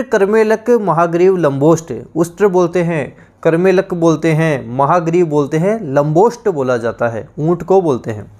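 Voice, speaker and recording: A man teaching an online exam-prep class. His voice sits high, and he runs through word lists in a steady drilling rhythm, urging his students on.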